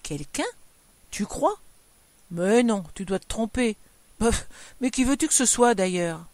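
A woman's voice: mid-range voice, normal speed, darkish tone, no room sound, lightly acted. A timid, bewildered storybook husband, voiced by a woman reading aloud, who answers his wife in a hesitant, placating way. The recording is close and dry. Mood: meek placating. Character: meek plump middle-aged husband, timid and bewildered.

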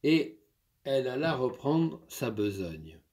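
A man narrating a literary story in a measured, expressive reading. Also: mid-range voice.

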